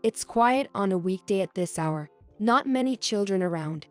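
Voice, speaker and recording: A woman's voice: medium pitch, lively intonation, normal speed, faint music behind. Woman narrating a heartfelt story. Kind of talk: scripted first-person story narration.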